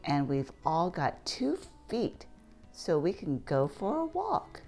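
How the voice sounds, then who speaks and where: A woman reads a picture book aloud to young children in a lowish, darkish voice that swoops wildly in pitch and moves slowly, with faint music behind. Her storytelling is playful and interactive as she asks the listeners questions and points things out.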